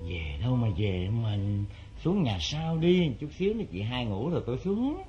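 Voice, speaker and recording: An actor playing a hot-tempered young husband in a stage drama, bright-voiced and quick to shout. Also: male voice, mid-range voice, big pitch swings, dull audio, close to an everyday voice. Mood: casual.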